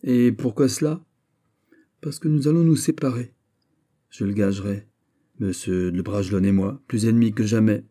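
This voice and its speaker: A man's voice: fairly low pitch, moderate pace, pauses often, mellow, close to an everyday voice. A man voicing a resentful, proud young nobleman with a bitter, clipped manner, in a storybook reading.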